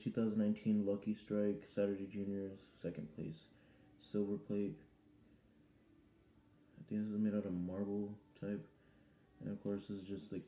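Teen guy rambling to camera, dark voice. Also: lowish voice, roomy sound, slight background noise. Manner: rambling, hesitant with many ums. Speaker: vlogger. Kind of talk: casual chat to camera. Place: small bedroom indoors. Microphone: webcam or phone at arm's length.

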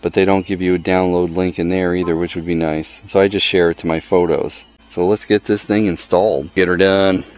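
This product reviewer, a man from the Americas, demonstrates an item hands-on beneath a canopy in a wooded yard. He speaks a little fast with few pauses, his low, level voice slightly mellow, keeping things casual, plainspoken and clipped.

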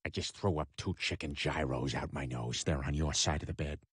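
An actor playing a crude cartoon husband who has suddenly got an extremely deep, rumbling voice. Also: male voice, fairly quick, a bit bright, a little hiss or hum. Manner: crude, blunt. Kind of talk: cartoon voice acting.

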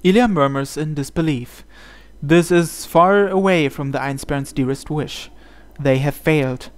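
This is indoor voice-over on a game playthrough, where a man narrates a visual novel in a dramatic, scripted style. He sounds a little high and keeps a measured pace, with game music in the background.

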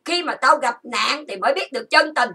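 Woman, angry accusatory rant, high voice, husky edge, far from the mic. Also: lively intonation, a little fast, bright, forceful tone. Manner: accusatory, insulting, repetitive listing. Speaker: channel host. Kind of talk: angry ranting monologue.

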